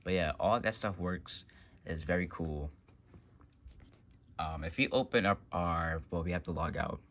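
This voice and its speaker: Speaking in a low-pitched, fairly bright voice at a measured pace, a man demonstrates an office phone system as a tech vlogger. The walkthrough is casual and unscripted, full of rambling and trailing filler phrases.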